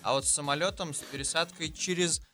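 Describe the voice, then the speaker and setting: A male radio co-host with a bright, forward voice explains things calmly and without hurry. The sound is hollow and boxed-in, as if he were talking from inside a barrel. Faint music plays behind him. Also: fairly high pitch, quick pace. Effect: hollow, muffled sound as if from inside a barrel. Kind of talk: casual on-air chat.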